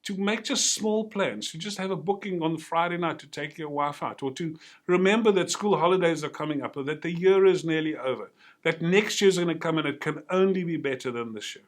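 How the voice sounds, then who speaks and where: A man's voice: a little high, fairly quick. A man giving an earnest, encouraging motivational talk to teachers and telling stories along the way. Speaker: motivational speaker.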